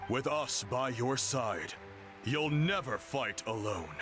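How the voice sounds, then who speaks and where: A man's voice: mid-range voice, animated, slow. A man voicing a solemn, respectful ceremony official in a video game, speaking formally. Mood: reassuring. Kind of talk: animated video game voice acting. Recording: music behind the voice.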